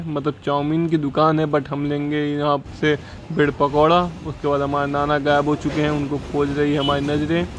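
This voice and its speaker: A young adult man with a slightly high voice gives casual running commentary for his village vlog as he rides and shops outdoors. The camera is held at arm's length, the recording is rough, and loud street noise fills the background.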